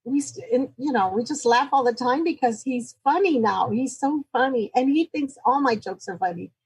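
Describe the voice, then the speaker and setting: Husky-voiced woman, nearly seventy. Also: sits high, normal speed, a little mellow, rough recording. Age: 60s. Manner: chatty, laughing, self-joking. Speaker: guest. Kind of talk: casual interview chat.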